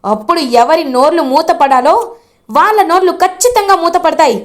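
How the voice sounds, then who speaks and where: A woman's voice: very high voice, normal speed, pitched above the performer's own voice. A woman voicing a stern, angry middle-aged father who scolds in a raised voice.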